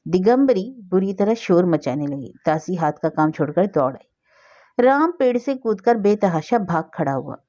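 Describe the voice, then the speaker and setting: A woman's voice: on the low side, expressive, a little slow, mellow. Woman narrating a story, muffled sound.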